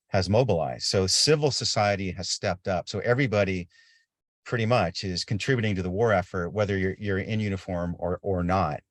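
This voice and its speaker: A man's voice: sits low, dry recording, studio quality. A middle-aged man telling war-zone stories as an interview guest on a video call, earnest and repeating words as he builds a point. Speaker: interview guest, aid volunteer. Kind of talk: casual storytelling on a video call.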